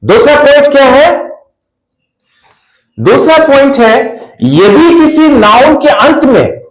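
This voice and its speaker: Slow, sing-song male teacher, echoey room. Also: very high-pitched, animated. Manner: slow, repeats each word and spells it out. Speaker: English teacher. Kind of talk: spoken English lesson.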